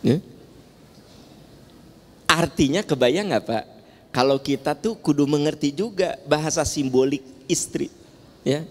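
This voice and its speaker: A man's voice: on the high side, measured pace, pauses often, darkish tone. A man with a Sundanese accent giving a playful, teasing sermon in a large mosque, joking with the audience and asking them questions. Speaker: preacher. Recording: long hall reverb in a large mosque.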